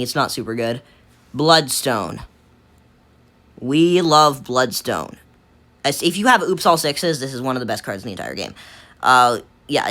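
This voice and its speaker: Thinking out loud over a gaming tier list, a woman with a strikingly low voice wanders through her points, restarting often and using plenty of fillers. She is a gaming video creator, and her pitch moves up and down in a lively, animated way.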